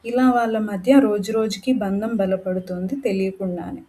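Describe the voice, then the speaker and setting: A woman narrating a romantic story in a steady, unhurried storytelling manner. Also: mid-range voice, a little hiss or hum, poor audio. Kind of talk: scripted narration.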